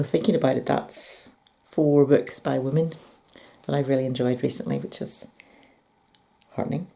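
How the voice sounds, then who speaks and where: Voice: medium pitch, gravelly, warm tone. A speaker with a Northern Irish accent talking casually to viewers about books in a reflective, enthusiastic way. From Northern Ireland. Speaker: book and poetry vlogger. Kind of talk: casual book review talk to viewers.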